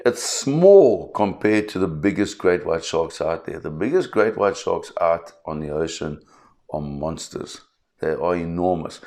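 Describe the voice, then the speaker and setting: A South African man in his fifties, a shark expert explaining to camera with an emphatic, animated storytelling manner. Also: sits low. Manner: emphatic, animated storyteller who acts out quotes.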